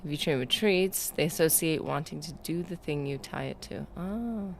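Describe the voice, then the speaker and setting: A woman talking through a gaming livestream in a slightly low voice. She rambles chattily, full of filler words, and reads out her viewers' comments as she plays. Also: normal speed, gravelly, a little hiss or hum. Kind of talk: casual livestream chat while gaming.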